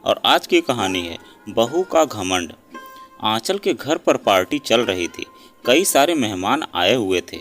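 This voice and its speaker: A man narrating a scripted family story in a dramatic, expressive way. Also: lowish voice, a little slow. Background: soft background music.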